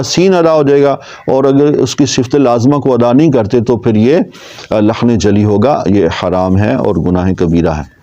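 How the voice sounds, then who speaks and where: Man, Quran pronunciation teacher, patient, slow repeated letter drills, warm tone, muffled lo-fi audio. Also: medium pitch. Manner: patient, repeats letter sounds slowly for practice. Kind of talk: tajweed lesson.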